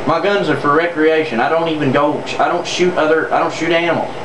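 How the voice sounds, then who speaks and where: A political vlogger from the southern United States, speaking with a Southern accent at a fairly high pitch and quick pace, delivers an off-the-cuff monologue. He is sarcastic and emphatic, repeating phrases for effect. The mic is distant in a roomy space, with noticeable noise like an air conditioner.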